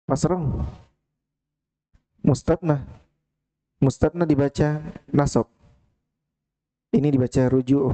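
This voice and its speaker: A man's voice: fairly high pitch, warm tone. A man, teaching Arabic grammar in a mosque study hall, quizzing students one by one by name and teasing them.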